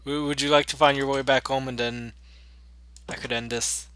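A man's voice: medium pitch, flat delivery, normal speed, a bit bright, clear, resonant tone, dry recording. A man chatting casually during a co-op game session, often trailing off into a tired mumble. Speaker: gamer in a co-op session. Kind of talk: casual gameplay chat.

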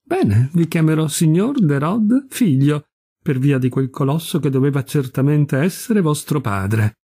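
A man's voice: a little high, lively intonation, measured pace, dark tone, husky, dry recording, clean studio sound, exaggerated voice. A man reading aloud voices a bold, teasing young woman who speaks frankly and mockingly.

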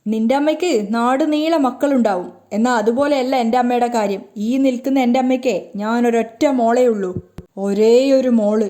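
Picture a proud, angry young woman snapping scornful retorts, as a woman narrator reads her lines. Her voice sits a little high yet stays mellow and dark in tone, and the lines come fast and cutting. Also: lightly acted. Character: furious young woman, sharp-tongued, proud daughter.

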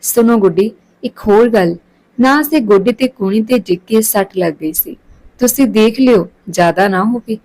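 A sincere young man in love, anxious and tender, talking things through with feeling, as a woman reader puts him on. The voice stays close to her own, only a touch lower, for a storybook reading. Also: normal speed, a little mellow, close to an everyday voice, low-quality recording. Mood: pleading.

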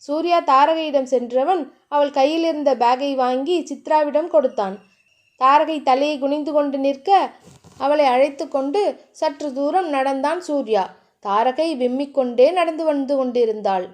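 A woman narrating a family romance novel with steady, expressive storytelling. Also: high-pitched, moderate pace. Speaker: audiobook narrator.

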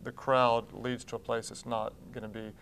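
Here the pastor and church founder, a man in his thirties, speaks as a guest in a TV studio with blue drapes. His medium-pitched voice is a bit bright with vocal fry, shows little pitch movement, and keeps a normal speed over slight background noise. He comes across as earnest, gesturing with both hands and restarting often.

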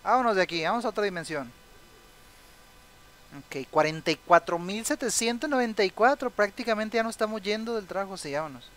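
A man's voice: high voice, lively intonation, brisk, fairly bright tone, poor audio. A young man casually commenting on his own gameplay. He chats along, reads the game's text aloud and often breaks into sympathetic exclamations. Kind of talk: casual let's-play commentary.

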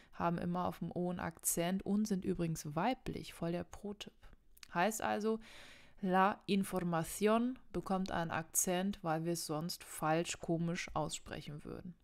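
Young woman, lowish voice, chatty language teacher who talks to the viewer and fixes her own slips. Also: vocal fry, darkish tone. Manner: chatty, self-correcting, addresses viewer directly. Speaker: Spanish teacher. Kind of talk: video lesson to camera.

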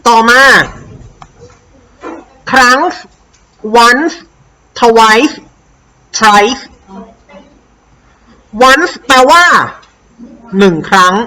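A woman English teacher with a Thai accent, slowly and patiently explaining a worksheet to young pupils and having them repeat words. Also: on the high side, lively intonation, sharp tone, clear, resonant tone, poor audio.

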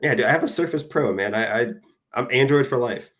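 This guest dyer, a man in his thirties, speaks briskly in a medium-pitched, fairly bright voice. He's on a casual webcam video call from a room at home, rambling, putting himself down, and filling gaps with hesitant fillers.

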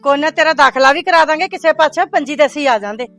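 A woman's voice: high voice, fast talker, fairly bright tone, soft background music. A middle-aged woman acting a strict mother who nags and scolds her daughter. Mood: scolding. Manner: scolding, nagging. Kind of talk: short film dialogue.

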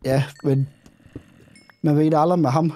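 A man's voice: on the high side, fairly even intonation, warm tone. A young man co-hosting a let's play, mock-dramatic and whiny, with yelps when he gets scared. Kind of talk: casual gaming banter.

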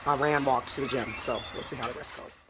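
A woman's voice: a bass voice, fairly even intonation, brisk, background noise. A young woman chatting casually as a beauty vlogger, upbeat and slangy, filmed on a phone held close. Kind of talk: casual vlog chat. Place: small room at home, then city street and gym. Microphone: phone camera held close.

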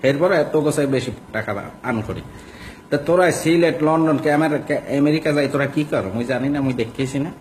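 Vlogger, young male, Barishal Bengali accent, slightly raised pitch, insulting, mocking rant with faint background noise. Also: brisk, a little mellow, rough recording. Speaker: social media vlogger. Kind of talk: ranting monologue.

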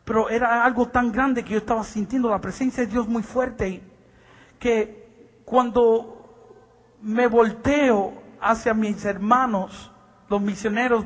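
A man preaching a sermon in a strikingly high voice, telling his story with fervor. He drops to near-whispers and then bursts into shouts. He keeps breaking in with a repeated blessing. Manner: impassioned, swings from hushed to shouting; repeats "bendito sea Dios". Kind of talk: sermon testimony.

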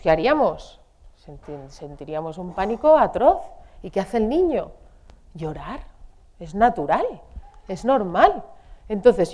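A middle-aged woman pediatrician talks parents through a workshop. Her voice is mellow and warm, and her pitch swings widely as she acts out their worries.

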